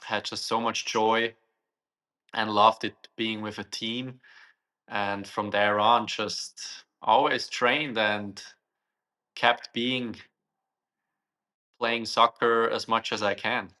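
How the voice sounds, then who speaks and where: A man's voice: on the low side, level tone, slow, long pauses, sharp tone. A young man from Switzerland, a guest answering interview questions thoughtfully and searching for his words.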